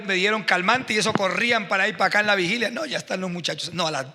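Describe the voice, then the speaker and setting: High-voiced pastor preaching in a hall. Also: male voice, sharp tone. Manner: emotional, storytelling with rising fervor. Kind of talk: sermon. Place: church hall.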